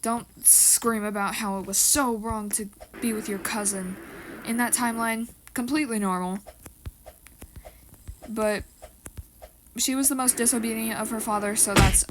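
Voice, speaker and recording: A woman's voice: on the high side, steady tone, normal speed, long pauses, a little hiss or hum, low-quality recording. Rambling teenage girl, casual chat. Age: teens. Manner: rambling, lots of fillers and restarts. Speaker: co-host of a rating video.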